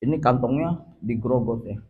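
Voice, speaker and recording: A man giving a casual religious study talk as teacher, lively and joking with his audience. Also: mid-range voice, a little fast, husky, narrow, tinny audio. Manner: lively, jokes and laughs with audience. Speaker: Islamic teacher.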